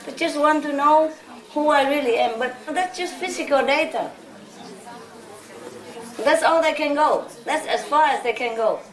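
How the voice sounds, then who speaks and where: Heard from afar in a big reverberant hall, a Vietnamese spiritual teacher with a high voice talks informally, sharing stories and often adding "you know?" She speaks unhurriedly with frequent pauses, while a faint audience murmurs around her.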